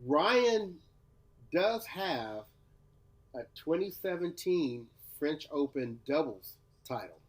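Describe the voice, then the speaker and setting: A man from Louisiana, USA, co-hosts a casual podcast chat with a voice on the high side, very animated but unhurried. He's laid-back, playful, and teasing.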